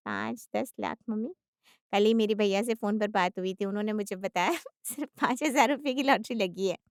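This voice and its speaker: A woman voicing a sharp, quick-witted adult daughter who questions briskly. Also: mid-range voice, clean tone, no echo, studio quality, lightly acted. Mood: probing.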